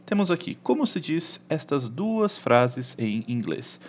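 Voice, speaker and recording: Lively Brazilian man teaching English. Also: a little high, slow pace, dull audio, slight background noise. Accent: Brazilian Portuguese. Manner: animated, keeps checking in with "ok?" and "né?". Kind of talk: online language lesson.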